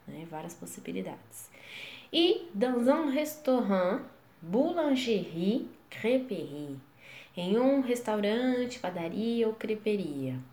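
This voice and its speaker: Slow Brazilian woman teaching French. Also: medium pitch, a little mellow, roomy sound. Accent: Brazilian Portuguese. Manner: repeats each phrase slowly and translates it. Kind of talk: language lesson.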